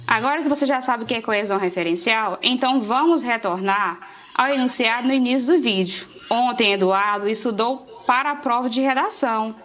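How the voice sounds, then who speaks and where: A woman teacher explaining grammar in a clear, explanatory way. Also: fairly high pitch, fairly quick, fairly bright tone, a little hiss or hum. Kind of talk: grammar lesson.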